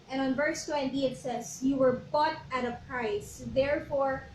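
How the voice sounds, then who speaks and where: A woman co-hosting a church talk show in a casual, chatty way. She slows down and speaks deliberately when she reads scripture. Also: high-pitched, fairly even intonation, reverberant, recorded from a distance, slight background noise, poor audio. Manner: chatty, switches into slow deliberate English when reading scripture. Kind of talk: casual faith talk, reading Bible verses.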